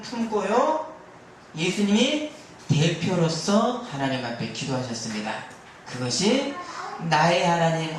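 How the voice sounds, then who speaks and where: A man's voice: high voice, a little hiss or hum. A male pastor preaching a sermon, pressing his points with rhetorical questions and calls for amen. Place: church sanctuary during afternoon service. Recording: very echoey hall, mic far off.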